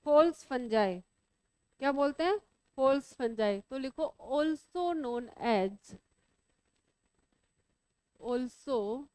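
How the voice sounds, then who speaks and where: A woman's voice: sits high, darkish tone, dry recording. A woman teaching biology to a class, asking students questions and teasing them as she explains. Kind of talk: classroom lecture.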